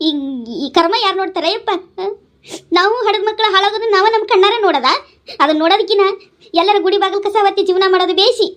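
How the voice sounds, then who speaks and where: A woman's voice: high voice, very fast, natural voice. A woman voicing an older widowed village mother who scolds and pleads with her drinking son, in a North Karnataka Kannada accent. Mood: tearful. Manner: nagging, pleading, tearful.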